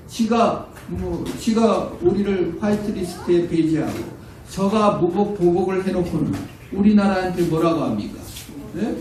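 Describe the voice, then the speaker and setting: A man pastor preaching a sermon with animated delivery, acting out quoted voices and swinging between loud and hushed. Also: sits high. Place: church sanctuary. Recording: distant echoey church room.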